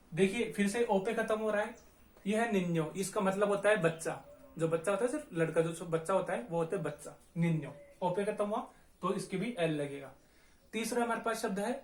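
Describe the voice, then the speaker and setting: Guy from india teaching a class, pretty high voice, spells stuff out slow and says everything twice, echoey room. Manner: slow and patient, spells words letter by letter and repeats them often. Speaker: Spanish teacher. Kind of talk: classroom-style language lesson.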